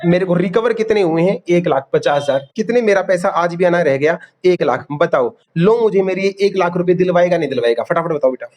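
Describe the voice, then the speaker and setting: A male teacher giving an online class lecture, calling students "beta", drilling key terms and quizzing them for quick answers. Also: high voice, animated, a little mellow.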